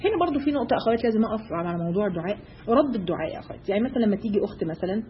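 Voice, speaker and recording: Fast-talking Egyptian woman teaching. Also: medium pitch, animated, a little hiss or hum. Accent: Egyptian Arabic. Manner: brisk, asks her listeners rhetorical questions. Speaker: religious teacher. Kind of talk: religious lesson for women. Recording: dull lo-fi recording.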